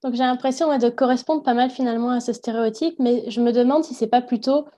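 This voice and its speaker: Mellow-voiced woman, reflective guest. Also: a little high, fairly even intonation, fast. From France. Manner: reflective, thinks aloud with hesitations. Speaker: interview guest. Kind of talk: casual interview.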